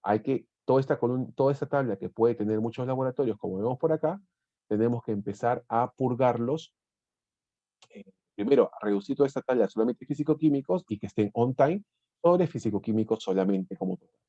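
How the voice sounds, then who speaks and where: Man, tutorial instructor, dark mellow tone, dry close sound, step-by-step explanations. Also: mid-range voice, brisk, no room sound, dull audio. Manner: explanatory, repeats and restarts words, checks in with "¿sí?". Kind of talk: screen-recorded software tutorial.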